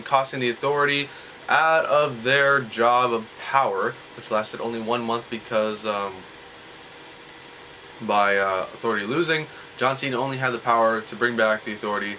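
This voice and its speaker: Young male vlogger, bright voice, rambling animated analysis. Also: medium pitch, a little hiss or hum, low-quality recording. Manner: rambling, animated, rhetorical questions. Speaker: wrestling vlogger. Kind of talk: casual wrestling analysis.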